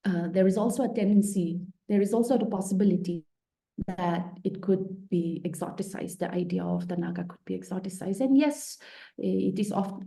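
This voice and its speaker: A woman from Nagaland, an author speaking in an online panel talk, halting and thoughtful, with many restarts and frequent laughs. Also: on the low side, gravelly, dark tone, roomy sound. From Nagaland, Northeast India.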